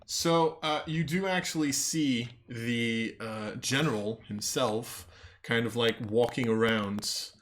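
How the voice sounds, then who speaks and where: Bright-voiced man running a tabletop game. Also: mid-range voice, slow pace. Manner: casual, laughs often, swears. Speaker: game master.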